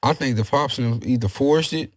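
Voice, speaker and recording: A man's voice: mid-range voice, a little fast, no echo. A man co-hosting a casual podcast, giving blunt, profane, slangy opinions. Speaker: podcast co-host.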